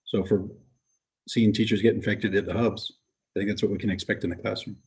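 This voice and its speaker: A man's voice: fairly low pitch, steady tone, fast talker, breathy edge, rough recording. A man speaking as a school board trustee at a board meeting, asking pointed questions and repeating words.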